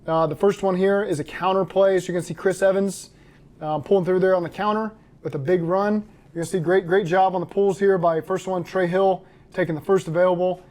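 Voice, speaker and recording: A man speaks quickly in a dark, level voice, talking through game film like a head coach. He is matter-of-fact and steady, and he keeps a flat, even pitch from start to finish. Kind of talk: interview answers and film breakdown.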